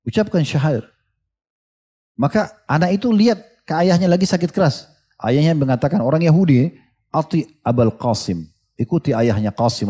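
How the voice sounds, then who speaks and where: Mellow-voiced male preacher. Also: a little high, breathy edge. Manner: conversational preaching with stories and quoted dialogue. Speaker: Islamic preacher. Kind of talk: religious study lecture.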